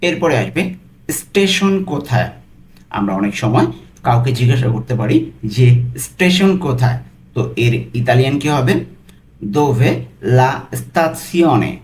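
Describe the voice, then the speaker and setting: A man teaching travel phrases as a tutor, saying each one slowly and then explaining it word by word. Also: mid-range voice, animated. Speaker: language tutor. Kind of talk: language lesson.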